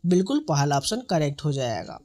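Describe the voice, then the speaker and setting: A man's voice: a little high, very animated, a little fast, darkish tone. A male coaching teacher explaining exam reasoning questions step by step, counting letters and numbers aloud and answering his own questions.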